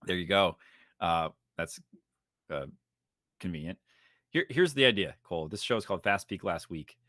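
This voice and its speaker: Lower-pitched upbeat male podcast host. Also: dry recording, clean studio sound. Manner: energetic, jokey, fast-talking. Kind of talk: casual podcast chat.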